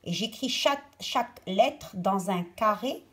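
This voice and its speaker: A woman teacher giving a pronunciation lesson to children, saying single words slowly and with exaggerated care. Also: mid-range voice, expressive, fairly bright tone. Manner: slow, deliberate, over-articulated word drills.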